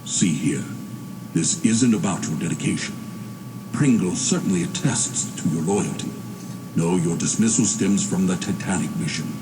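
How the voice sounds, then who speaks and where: A man's voice: low-pitched, normal speed, noisy background. A man voicing a stern official in a game who dismisses an agent, speaking in a cold, clipped, formal way.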